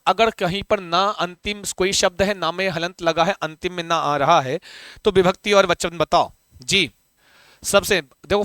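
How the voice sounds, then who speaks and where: A man's voice: high voice, a bit bright, clean tone, no room sound. A man teaching Sanskrit grammar in a live online class, chanting word forms aloud and coaxing students to answer, with playful mock threats. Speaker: Sanskrit teacher for exam prep.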